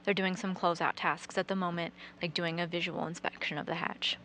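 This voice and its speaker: A woman's voice: lowish voice, flat delivery, brisk. A woman giving live explanatory commentary as a mission commentator. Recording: clearly noisy broadcast audio.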